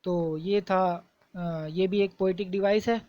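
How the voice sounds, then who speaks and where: A woman teaching a lesson, explaining terms patiently, repeating points and reading examples slowly and deliberately. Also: lowish voice, steady tone, dry recording, dull audio.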